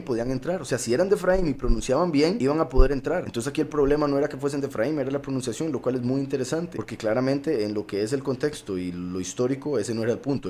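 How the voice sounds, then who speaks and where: A man's voice: medium pitch, darkish tone. A man with a Costa Rican Spanish accent preaching a sermon, explaining scripture step by step and repeating key words for emphasis.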